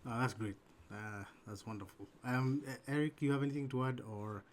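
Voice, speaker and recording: A man's voice: medium pitch, moderate pace, background noise. A man hosting a webinar Q&A over a video call, friendly and grateful, stumbling over restarts as he reads out questions. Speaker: host and moderator. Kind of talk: moderating a webinar Q&A.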